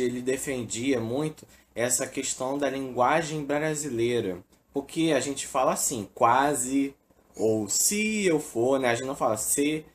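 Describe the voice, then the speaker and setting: Brazilian man teaching, many fillers. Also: mid-range voice. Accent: Brazilian Portuguese. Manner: casual, fills with "né" and "é". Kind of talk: informal recorded lesson.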